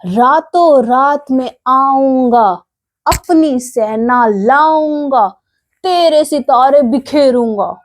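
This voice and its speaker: A cheeky, hot-tempered little rat from a children's storybook, voiced by a woman. He speaks high and bossy, boasting about himself and drawing out his threats slowly in a sing-song. The tone stays soft and mellow. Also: animated, heavily acted.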